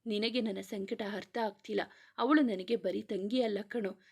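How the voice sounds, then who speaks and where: A woman's voice: medium pitch, steady tone, moderate pace, creaky. A woman voicing a grieving young man who urgently pleads to see his sister, in a read-aloud romance story. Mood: pleading. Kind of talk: reading a serialized romance novel aloud.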